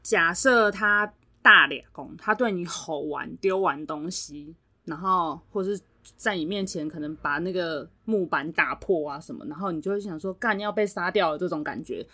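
In relaxed podcast conversation, a young female co-host recounts something from work, performing what others said with lively impressions. She speaks at a moderate pace with a fairly low pitch.

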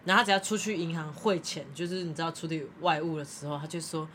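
Woman, young adult, quick pace, lowish pitch, laughing storyteller, casual chat. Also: a little hiss or hum. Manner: animated anecdotes with frequent laughter. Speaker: podcast co-host.

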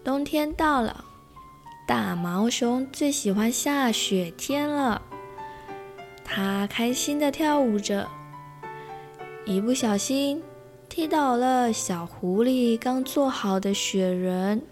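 A woman reading a children's picture book aloud as a storyteller, with gentle, slow pacing. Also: fairly high pitch, soft background music.

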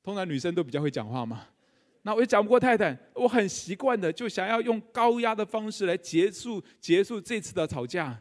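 A man's voice: high-pitched, expressive, a little fast. A middle-aged male pastor with a Taiwanese Mandarin accent gives a live sermon in a church, joking and putting questions to the congregation. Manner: humorous, conversational, quizzes the congregation. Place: church sanctuary.

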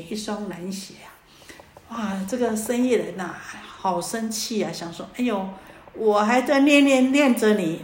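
A woman Buddhist dharma teacher giving a sermon, telling a story in a lively way with many fillers. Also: medium pitch, slight background noise. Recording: roomy echo, faint ambience.

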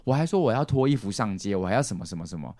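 A man's voice: on the low side, very fast, no echo, studio quality. A man, hosting a podcast and telling a family story casually, acting out what his relatives said. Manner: animated, acts out quoted relatives. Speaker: podcast host.

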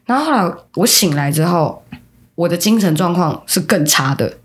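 Animated woman telling a story. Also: lowish voice, normal speed. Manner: animated, dramatic, laughing retelling. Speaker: podcast host. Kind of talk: casual storytelling.

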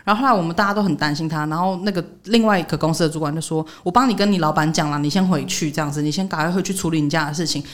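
Speaking quickly, a woman co-hosting a podcast shares a story in casual conversation. She acts it out animatedly, jumping in pitch whenever she quotes someone else.

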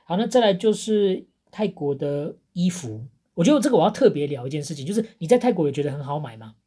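Low voiced taiwanese mandarin woman hosting a chatty podcast, bit raspy, rattles along fast. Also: sing-song, mellow. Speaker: podcast host. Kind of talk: casual chat, giving travel tips.

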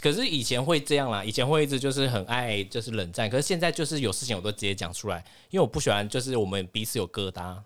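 A man's voice: medium pitch, fast, few pauses. A man, a guest on a podcast, explaining his views in a casual chat. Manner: lively, analytical, offers explanations.

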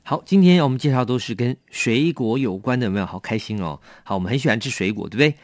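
A man teaching English vocabulary in a lively, coaxing way, asking his learners questions. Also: medium pitch, fast, no room sound, clean studio sound. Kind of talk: bilingual vocabulary lesson.

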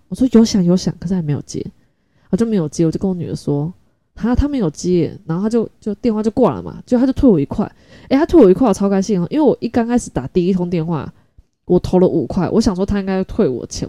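A woman's voice: lowish voice, mellow, no room sound. A woman, telling a casual story as a podcast host, chatty and laughing often, thinking aloud mid-sentence.

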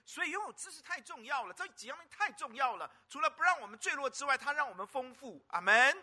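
A man's voice: extremely high pitch, lively intonation, quick pace, sharp tone. A male pastor preaching a sermon at a church service, constantly calling out to the congregation with rhetorical questions. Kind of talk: lively sermon.

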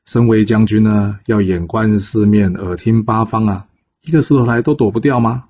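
A man's voice: sits low, darkish tone, husky. A man voicing a cocky young boy warrior who teases his rivals in a storybook tale. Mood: mocking. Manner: mocking, drawn-out teasing. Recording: dull lo-fi recording.

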